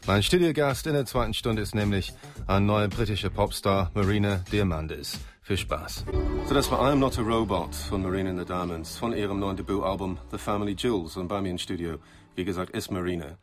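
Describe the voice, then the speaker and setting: A man with a low-pitched voice hosts a late-night radio show from the studio, speaking fairly quickly into a studio microphone with soft music in the background. He chats with a female guest in German, summarizing her answers and leading with questions that end in trailing tags.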